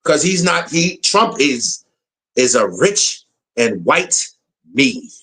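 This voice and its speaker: A man's voice: mid-range voice, very animated, slow pace, a bit bright, slightly rough. An American man giving a blunt, slangy political rant, repeating his points for emphasis. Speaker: political commentator. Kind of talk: casual opinion rant.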